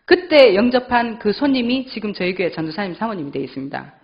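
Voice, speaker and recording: Middle-aged church elder, woman, Gyeongsang accent; lively, swinging delivery; emotional testimony; dull lo-fi recording. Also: mid-range voice, fast. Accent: Gyeongsang Korean. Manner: emotional storytelling, acting out her own past thoughts. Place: church sanctuary.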